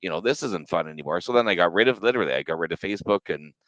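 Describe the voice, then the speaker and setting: Deep laid-back man in his thirties. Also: lively intonation, racing, fairly bright tone, no room sound, highs cut off. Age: 30s. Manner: laid-back, agreeable, swears casually. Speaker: podcast co-host. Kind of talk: casual podcast chat.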